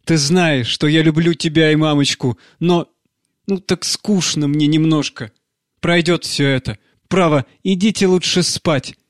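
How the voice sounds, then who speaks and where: A sullen, withdrawn young woman, weary and curt with her parents, as a male narrator puts her on. The reader lifts his voice noticeably higher for her. Heard in a dry audiobook recording. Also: measured pace, dry recording, lightly acted. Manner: tired, curt and evasive.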